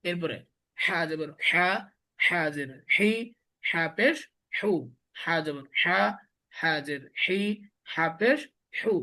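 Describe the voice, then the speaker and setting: A man's voice: high voice, lively intonation, takes it slowly, long pauses, bright, forceful tone. A man teaches a beginners' class on the Arabic alphabet. He drills the letter sounds one syllable at a time, repeats them often and keeps asking his students to say them back. His first language is Bengali. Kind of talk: classroom lesson with call-and-response drilling.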